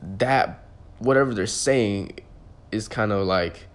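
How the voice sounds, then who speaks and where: Speaking slowly in a lowish voice, a young podcast host in his twenties rambles through a personal story, leaning heavily on "like" and frequently starting over.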